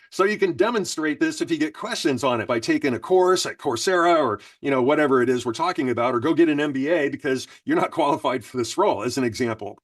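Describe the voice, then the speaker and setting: A man's voice: a little high, animated, fast talker, dry recording, distant mic. A man presenting a webinar, casually explaining and reading prompts aloud. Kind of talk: instructional webinar talk.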